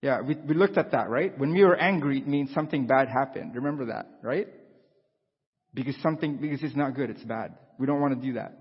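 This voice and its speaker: A man's voice: mid-range voice, slightly rough. A man, preaching a conversational sermon and asking his congregation questions. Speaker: pastor. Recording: dull lo-fi sound with long hall reverb.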